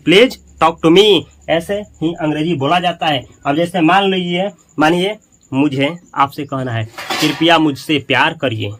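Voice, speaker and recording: A man teaching an English lesson in Hindi, repeating each example sentence slowly several times so that learners can copy him. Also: fairly high pitch, fairly bright tone. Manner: slow, repeats example sentences drill-style.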